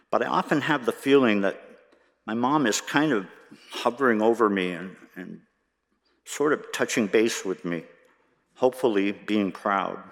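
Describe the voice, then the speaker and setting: A low-voiced man in his sixties speaks as a worship associate, telling a reflection at a church service in a gentle, unhurried way with touches of wry humor. His voice rings out with a long reverb off the walls of a church sanctuary.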